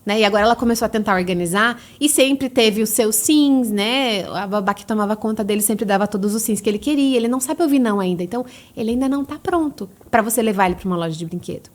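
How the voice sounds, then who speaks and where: Fast-talking high-voiced Brazilian woman. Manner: lively, acts out parent and child voices. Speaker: guest, parenting educator. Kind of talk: casual podcast interview.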